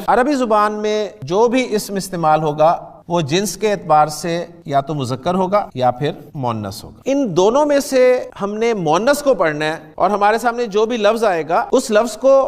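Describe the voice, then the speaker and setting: A man's voice: high voice, long reverb tail. A man teaching a beginners' grammar lesson, patiently explaining step by step and asking the class questions.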